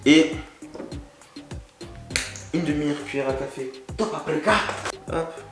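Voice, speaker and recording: A man's voice: on the high side, steady tone, takes it slowly. A man hosting a casual cooking vlog, chatty and joking, talking straight to the viewer in slangy speech. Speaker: cooking video host. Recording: echoey room with loud background music. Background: loud background music.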